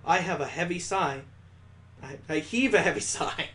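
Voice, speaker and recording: A man fronting a gaming video voices the visual novel's text expressively and adds jokey side remarks. His pitch is slightly raised, his pace moderate, with a light hiss or hum in the background.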